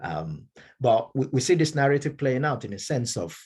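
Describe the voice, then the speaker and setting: A middle-aged man with a Nigerian accent, giving a measured academic lecture with frequent fillers and restarts. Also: mid-range voice, very animated, a little mellow, breathy edge. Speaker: Baptist minister and speaker.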